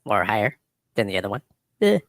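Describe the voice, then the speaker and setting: A man talking through a pitched-up voice changer filter, joking crudely in casual podcast banter. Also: very animated, fast, a bit bright, no echo, studio quality. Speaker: podcast co-host.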